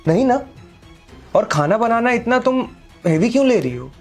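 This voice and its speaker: Playing the arrogant, moralizing rich boyfriend Sahil, the young actor commits to a full character voice that sits extremely high and sing-song. He speaks at normal speed, scornful and lecturing, raising his voice in arguments as faint music plays.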